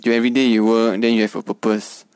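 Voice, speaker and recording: A man's voice: fairly low pitch, level tone, quick pace, darkish tone, clear, resonant tone, no echo. Easygoing Singlish talk from a Singaporean man. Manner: colloquial Singlish with sentence-final particles. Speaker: podcast co-host. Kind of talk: casual unscripted chat in Singlish. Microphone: homemade microphone setup.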